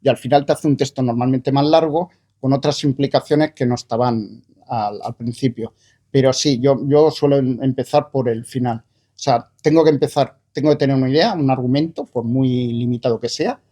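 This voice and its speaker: Hesitant, thoughtful man with a mellow voice. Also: medium pitch, fairly even intonation, moderate pace. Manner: hesitant, thoughtful, many fillers and restarts. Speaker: author presenting his book. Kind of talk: conversational book presentation talk.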